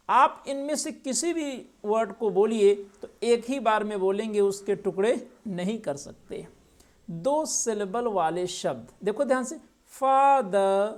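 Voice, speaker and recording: A man teaching a recorded grammar lesson, explaining patiently, asking his viewers questions and repeating each term in two languages. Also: high voice. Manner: repeats terms in both English and Hindi.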